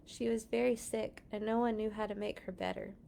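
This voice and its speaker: A woman reads picture books aloud to children, telling the stories expressively and speaking to the young listeners between passages. Her mellow, medium-pitched voice has a level tone, a bit of vocal fry and a slightly fast pace. A little hiss or hum can be heard.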